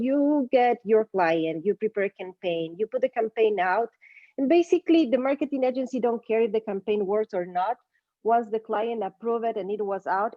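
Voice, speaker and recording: A woman's voice: mid-range voice, dry recording, highs cut off. A middle-aged woman from Ecuador, a native Spanish speaker, telling her career story as an interview guest in an easygoing way with some non-native grammar. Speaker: guest, marketing business owner.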